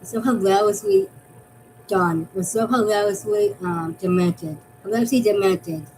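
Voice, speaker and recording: A woman from Massachusetts talks through her fan theories in a loose, rambling way, often circling back to restart a phrase. Her voice sits at an ordinary middle pitch. A faint low rumble hums underneath the recording. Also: a little slow, a little mellow, low-quality recording. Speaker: fan vlogger. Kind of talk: casual fan theory chat.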